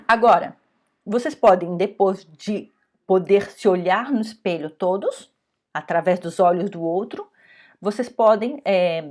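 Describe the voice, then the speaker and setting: Middle-aged Brazilian woman, parenting course instructor, halting explanatory delivery with frequent check-ins. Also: medium pitch, a little mellow. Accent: Brazilian Portuguese. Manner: halting, many restarts and checking "ok?". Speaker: educator leading a parenting course. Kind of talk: online lesson, explaining to parents.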